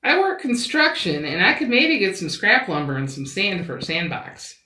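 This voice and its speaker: A woman's voice: mid-range voice, sing-song, normal speed, sharp tone, distant mic, slight background noise. A woman voicing a helpful, tentative male builder neighbour in a children's storybook. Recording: roomy, echoing sound.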